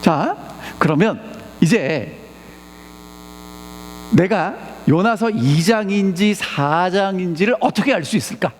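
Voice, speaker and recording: This pastor preaches slowly in a high voice, pausing often, yet stays animated as he repeatedly peppers the congregation with rhetorical questions. The church sanctuary produces a long reverb.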